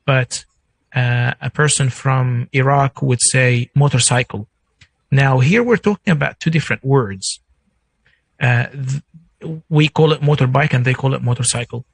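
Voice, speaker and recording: A man's voice: medium pitch, gravelly, breathy edge, no room sound, low-quality recording. A man whose first language is Arabic, a guest explaining points with careful examples in a discussion. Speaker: guest speaker.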